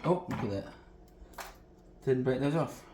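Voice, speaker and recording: A man's voice: medium pitch, lively intonation, unhurried, mellow, slight background noise. A man hosting a home cooking channel, chatting in a folksy, rambling way as he demonstrates a recipe in his kitchen. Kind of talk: casual cooking demo. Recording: echoey kitchen room.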